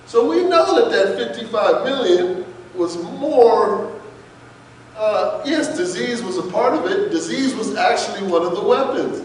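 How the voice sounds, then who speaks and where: A guest speaker, a man whose voice is pitched a little high for a man, lectures to an audience with passion, emphasis and rhetorical questions. His lively intonation comes at a slightly slow pace, picked up from far off in a large, echoey hall with a faint hiss underneath.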